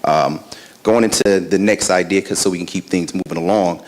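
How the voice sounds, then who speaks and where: A man's voice: low voice, normal speed, low-quality recording. A man facilitating a community forum, speaking in an upbeat, encouraging way. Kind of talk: public remarks at a community forum.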